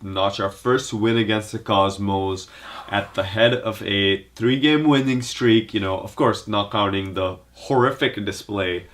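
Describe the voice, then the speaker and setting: A man's voice: fairly low pitch, a little slow, a bit bright. Laid-back jokey podcast co-host, a man. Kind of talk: casual chat.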